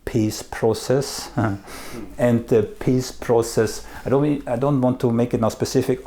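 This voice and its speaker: A man hosting an interview, asking measured questions and working from his notes. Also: medium pitch, steady tone, warm tone. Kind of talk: conversational interview.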